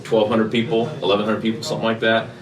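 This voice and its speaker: A man born in Japan and raised in Texas, a political candidate talking casually in an interview, relaxed and rambling with many fillers. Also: on the low side, fast, crowd noise. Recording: faint ambient noise, slightly distant mic.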